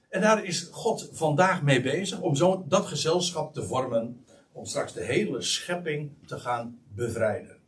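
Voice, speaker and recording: A man's voice: mid-range voice, far from the mic. A man preaching a sermon, explaining a Bible passage with many restarts and fillers, then rising sharply on the words he stresses. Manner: emphatic, rises sharply on key words.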